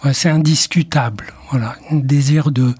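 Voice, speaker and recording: This older Moroccan psychoanalyst, a first-language Arabic speaker, is a radio interview guest who answers in a slow, reflective, hesitant way with restarts. His voice is medium-pitched and steady, a little mellow, with a breathy edge.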